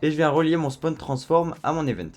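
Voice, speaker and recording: A man walking viewers through a software tutorial in a relaxed, chatty way, with frequent fillers. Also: a little high, a little fast, faint music behind. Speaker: tutorial host. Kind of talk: screen-recorded software tutorial.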